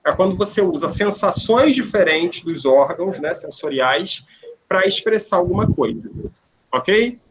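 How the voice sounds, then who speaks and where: Teaching a remote language class, a man with a high voice and lively intonation explains things step by step at an unhurried pace. He often asks "né?" and "ok?" and restarts frequently, and the poor-quality audio has slight background noise.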